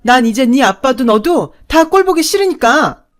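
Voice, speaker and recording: A woman voicing a cold, harsh middle-aged stepmother who scolds and shouts curtly in a radio story reading. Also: mid-range voice, sing-song, normal speed, natural voice. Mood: cold, shouting.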